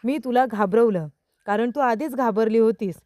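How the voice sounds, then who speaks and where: A woman's voice: on the high side, moderate pace, mellow, dry recording, clean studio sound, lightly acted. A woman voicing a young husband who teases his wife and then patiently explains, asking rhetorical questions. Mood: teasing. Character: young man, teacher, teasing then earnest.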